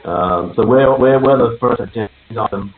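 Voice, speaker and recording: Through an echoey, tinny conference line with a faint hiss, a real estate network's meeting host speaks at medium pitch and moderate pace on a group voice call. He keeps the business meeting casual and chatty, laughing between points and filling pauses often.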